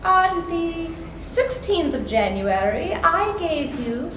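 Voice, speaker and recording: A woman's voice: very high voice, big pitch swings, slow pace, a bit bright, a little hiss or hum, heavily acted. A woman playing a stingy, condescending employer on a stage, talking in a sweetly mocking way and laughing often, recorded from far off in an echoey hall. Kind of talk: stage play performance. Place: school stage before an audience. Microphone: distant room mic.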